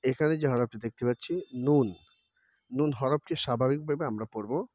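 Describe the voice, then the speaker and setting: Teaching the Arabic alphabet, a male Quran teacher offers short explanations before repeatedly drawing out every letter's sound, slow and loud. His pitch is medium, and the recording has no echo.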